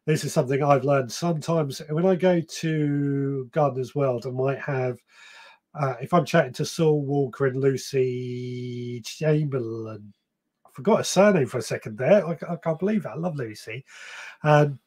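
With a mid-range, slightly mellow voice at normal speed, a man in his thirties hosts a gardening podcast live stream indoors, in a small shed or room. His casual chat rambles, he reads viewer comments aloud, and he keeps pausing to correct himself.

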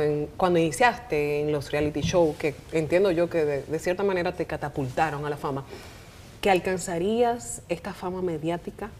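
Dominican lady hosting a talk show, lowish voice, direct n teasy, faint noise behind. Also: darkish tone. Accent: Dominican Spanish. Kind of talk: conversational TV interview. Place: indoor TV studio. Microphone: lapel mic.

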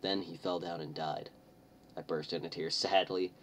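A man's voice: deep voice, steady tone, normal speed, recorded from a distance, a little hiss or hum. A man hosting a comic read-through of a fan-fiction story, joking and stumbling over the text with chuckling asides. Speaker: online reader, channel host. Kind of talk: comic dramatic reading.

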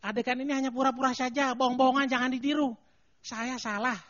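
An older man performing a stand-up comedy routine on a TV studio stage into a handheld mic, animated and chanting mock announcements. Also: very high voice, quick pace. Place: TV studio stage with live audience. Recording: dull lo-fi TV broadcast.

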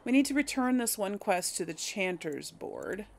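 This gamer running a role-play playthrough speaks at medium pitch with a creaky, sing-song lilt and ordinary pace. Addressing her viewers, she thinks out loud and keeps revising what she says in loose, musing commentary.

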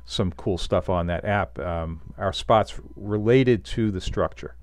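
A man's voice: low voice, slow pace, darkish tone, no echo. A man hosting a fishing video, narrating and coaching kids in an upbeat, encouraging way while out on a boat at sea. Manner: upbeat, encouraging, talks through the action. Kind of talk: casual on-camera narration and coaching. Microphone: wearable action camera. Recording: boat and wind noise outdoors.

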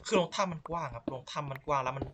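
A man's voice: a little high, rapid-fire, background noise. A man giving casual, profane, self-mocking commentary as he plays a game. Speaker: gameplay commentator. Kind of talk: casual let's-play commentary.

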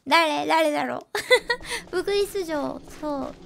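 A woman's voice: high-pitched, measured pace, creaky, a bit bright, slight background noise. A woman live-streaming a game, chatty and laughing often, a bit nasal from a cold. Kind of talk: casual live-stream commentary. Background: game music.

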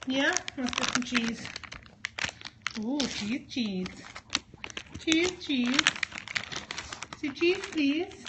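Slow-talking woman coaxing her dogs. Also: on the high side, very noisy. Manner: coaxing, sing-song praise to pets. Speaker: dog owner filming an unboxing. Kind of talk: casual talk to her dogs while unboxing.

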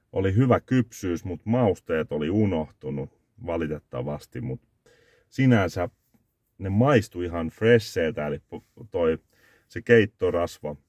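Deep-voiced man reviewing food in a car. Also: a little mellow, dry recording. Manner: rambling, self-correcting, scoring dishes out of five. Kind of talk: casual review vlog. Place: inside a parked car. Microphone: phone camera on the dashboard.

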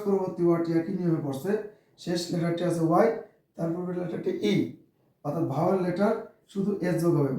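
Male teacher with a Bengali accent, slightly high and mellow, spells words aloud, recorded far off in a very echoey room. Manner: repeats "dear viewers", spells words letter by letter. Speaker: English teacher. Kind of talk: classroom lesson to camera.

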